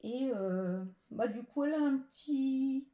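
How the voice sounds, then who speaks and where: A woman's voice: high-pitched, unhurried, warm tone, lo-fi sound, a little hiss or hum. A woman chatting casually as a cross-stitch vlogger, rambling with many fillers and self-corrections. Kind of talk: casual chat.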